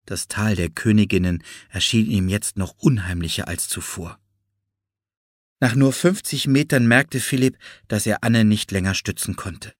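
A man narrating a children's audiobook with an expressive storytelling cadence. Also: on the low side, unhurried, dry recording, clean studio sound. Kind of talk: scripted narration.

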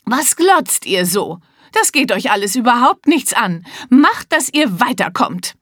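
Woman doing a loud, blustering rich man. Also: a little high, big pitch swings, unhurried, dry recording, studio quality, pitched above the performer's own voice. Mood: furious. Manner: shouting, indignant.

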